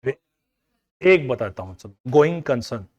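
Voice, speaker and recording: A man's voice: mid-range voice, lively intonation, unhurried. Man coaxing a class of students. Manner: coaxing students to recall answers; everyday household examples, mixing in English terms. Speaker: accounting teacher. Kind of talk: classroom lecture.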